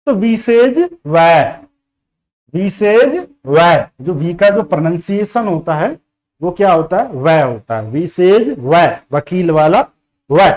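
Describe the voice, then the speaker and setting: A man's voice: high-pitched, expressive, takes it slowly, a little mellow. A man teaching beginner phonics, repeating each letter sound again and again and checking in often. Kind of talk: beginner phonics lesson in Hindi.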